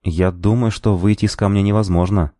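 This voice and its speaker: A male narrator voicing a proud, wounded warrior who speaks slowly in a strained, earnest way. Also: sits low, steady tone, warm tone, no room sound, clean studio sound, natural voice. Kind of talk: audiobook character voice.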